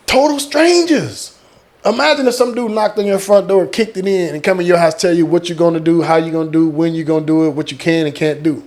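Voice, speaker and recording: A middle-aged military veteran from small-town Texas, United States, is a guest telling casual personal stories, acting out quotes and repeating words for punch. His animated retelling comes fast in a slightly high voice.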